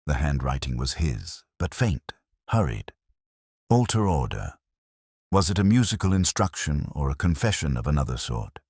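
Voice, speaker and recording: A narrator performs a scripted first-person detective drama as a weary, sharp-witted middle-aged English police inspector telling his own case. The voice is extremely low with a breathy edge, rising and falling expressively in a brooding, measured, literary style, exaggerated in its acting. Recorded close and dry, it has no room sound.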